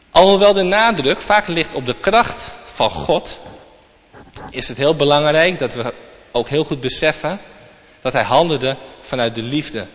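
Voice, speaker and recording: A man's voice: mid-range voice, fairly bright tone. Guy preaching a sermon, reads the bible out then explains it, muffled recording. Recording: long reverb, dull lo-fi sound.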